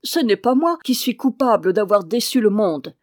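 A woman's voice: mid-range voice, lively intonation, moderate pace, darkish tone, dry recording, studio quality, lightly acted. A woman reading aloud as a sly, mocking old man who talks back boldly to his accusers. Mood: accusing. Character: sly old male wandering sage, mocking and bold.

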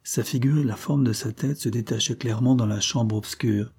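A man narrating a novel as an audiobook in a measured, even storytelling manner. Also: mid-range voice, husky.

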